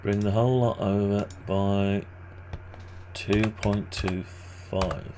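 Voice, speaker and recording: A man with a groggy, gravelly morning voice and vocal fry endings, giving casual, hesitant think-aloud commentary on his screen work. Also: lowish voice, steady tone, slow pace, dark tone, a little hiss or hum. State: groggy morning voice, clearing throat. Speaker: maker narrating a design tutorial.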